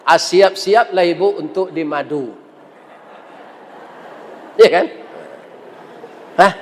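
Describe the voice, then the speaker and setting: Male preacher, high voice, slow jokey delivery, long mosque-hall echo. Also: a little hiss or hum. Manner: jokey, teasing the audience with questions. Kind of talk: humorous sermon with storytelling.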